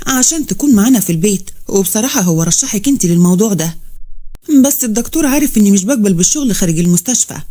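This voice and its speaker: A woman's voice: medium pitch, animated, racing, mellow, close to an everyday voice. A woman voicing a worried, gracious middle-aged mother who speaks earnestly, with an Egyptian accent. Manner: earnest and pleading.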